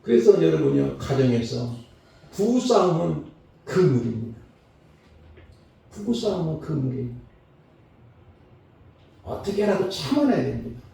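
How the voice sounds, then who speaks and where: A male pastor delivers a Sunday sermon in a very echoey church, picked up by a mic some distance away. His voice is gravelly and dark, and his pitch leaps around a great deal. He swings between loud, high calls and low, hushed lines. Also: sing-song, unhurried, pauses often. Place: church sanctuary.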